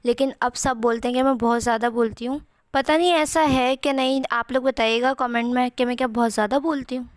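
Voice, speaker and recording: A woman's voice: fairly high pitch, fairly even intonation, a little fast, dry recording, studio quality. Chatty young woman, sore throat. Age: young adult. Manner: chatty, rambling, many fillers. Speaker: vlogger. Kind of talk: home cooking vlog voice-over. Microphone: close mic, voice-over.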